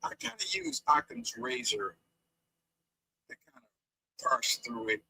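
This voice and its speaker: A man talking in a halting way with many fillers as a guest on a call-in stream, his audio muffled and scratchy from a phone connection. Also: mid-range voice, wildly swooping pitch, creaky, sharp tone, husky. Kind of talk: casual debate chat.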